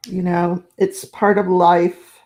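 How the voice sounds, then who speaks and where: A woman's voice: fairly low pitch, a little mellow. A woman hosting a casual morning live stream, chatting and laughing as she greets viewers by name. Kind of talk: casual live chat reading comments.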